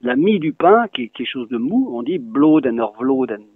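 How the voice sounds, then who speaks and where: A man's voice: medium pitch, sing-song, moderate pace, husky, no room sound. A man who teaches a regional language, patiently answering interview questions and spelling words out letter by letter. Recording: dry, phone-like lo-fi sound.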